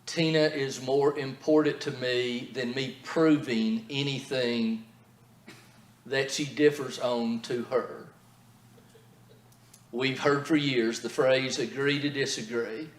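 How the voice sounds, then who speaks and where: A man's voice: medium pitch, fairly even intonation, slow. A middle-aged man giving a marriage seminar in a church, telling stories earnestly. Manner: earnest storytelling. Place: church hall. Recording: echoey church hall.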